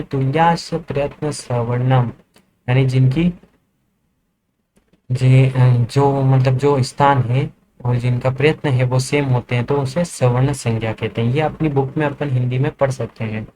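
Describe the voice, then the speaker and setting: A man's voice: mid-range voice, steady tone, moderate pace, mellow, a little hiss or hum, rough recording. A man lecturing as a teacher, explaining step by step and answering his own questions. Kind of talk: classroom lecture.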